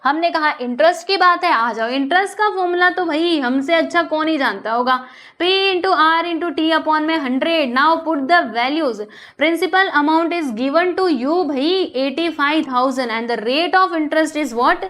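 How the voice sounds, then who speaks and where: A woman's voice: sits high, slow, fairly bright tone. A young woman teaching a math lesson in a chatty, coaxing way, often asking her students questions and mixing in English terms. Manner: mixes English terms into explanations.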